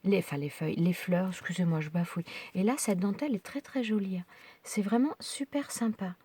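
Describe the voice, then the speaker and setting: A middle-aged woman chats through her craft mail in a casual home vlog. Her voice is husky and sits at a middling pitch. She hesitates often and drops into soft whispers now and then. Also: brisk, no echo. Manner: chatty, hesitant with fillers and small whispered asides. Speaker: craft vlogger. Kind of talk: casual unboxing chat.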